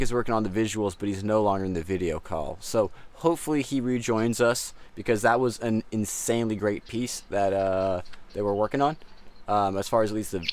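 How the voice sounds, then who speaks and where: Chatty man hosting a live stream. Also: fairly low pitch. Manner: upbeat, chatty, rambling with restarts. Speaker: host of a live art battle stream. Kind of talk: casual live-stream commentary.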